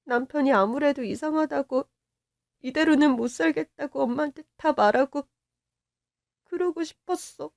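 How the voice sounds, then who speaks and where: A woman tells a first-person story in a subdued, confiding tone. Her voice is high. The sound is dry and close, with no room. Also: normal speed, creaky, dry recording. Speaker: story narrator.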